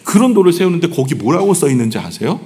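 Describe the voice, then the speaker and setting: Lively middle-aged pastor preaching in reverberant hall. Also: male voice, on the high side, quick pace. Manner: conversational preaching, asks the congregation questions, self-deprecating humor. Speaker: senior pastor. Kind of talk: sermon. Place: church sanctuary. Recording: long church hall reverb.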